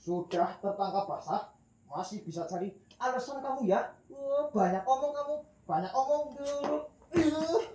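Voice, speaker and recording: A jeering villager from the mob , voiced by a man, shrills out accusations in a high, mellow voice. The sound carries the echo of a roomy space. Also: animated, moderate pace, slight background noise. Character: angry villager mob member.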